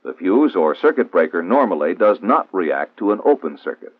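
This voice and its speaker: An American man narrates a 1960s training film, heard through a thin, narrow-band old soundtrack with no echo. His fairly low voice is formal and didactic, rising and falling lively as he gives measured instruction.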